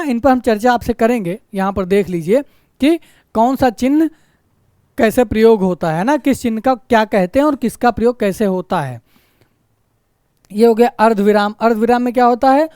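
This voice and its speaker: A man with a fairly high voice teaches Hindi grammar in an exam-prep lecture. He poses question after question and answers each one, often adding a quick "right?" and repeating the main point. The sound is dry and close, with no room echo. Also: a little mellow, smooth. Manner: asks rhetorical questions and answers them himself; keeps checking in with "right?".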